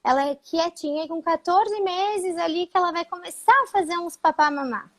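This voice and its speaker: A woman's voice: very high-pitched, normal speed, fairly bright tone. A woman speech therapist, explaining patiently in a live talk, with frequent fillers.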